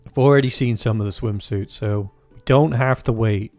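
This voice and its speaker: A man hosting a casual gaming video, cracking crude jokes and tripping over his own sentences as he plays. His voice has a gravelly, creaky texture and sounds close and dry. Soft game music sits in the background. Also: fairly low pitch, moderate pace, no room sound. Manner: crude, joking and rambling, with frequent restarts. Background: faint game music.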